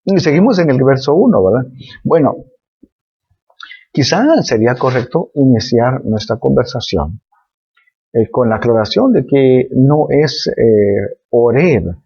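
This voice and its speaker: A man's voice: mid-range voice, animated, unhurried, warm tone, husky, dull audio. A man giving a Bible teaching talk, explaining words patiently with many fillers and tag questions.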